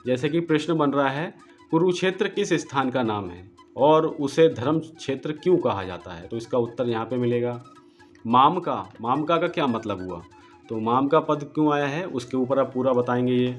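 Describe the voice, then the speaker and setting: A man's voice: medium pitch, expressive. Man, scripture book walkthrough, word-by-word glossing, faint music behind. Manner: slow deliberate word-by-word glossing of Sanskrit. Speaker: Gita book presenter.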